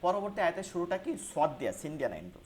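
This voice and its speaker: A man with a Bangladeshi Bengali accent teaching Quran recitation in an online class. He spells out syllables slowly and repeats them, then explains the rules quickly. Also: on the high side, sing-song, background noise.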